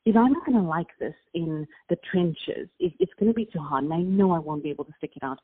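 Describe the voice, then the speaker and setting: A fast-talking woman with a lowish, husky, expressive voice and a South African accent answers interview questions. She's a business founder from South Africa, earnest and reflective, with fillers and restarts, and the call sounds like a tinny phone line.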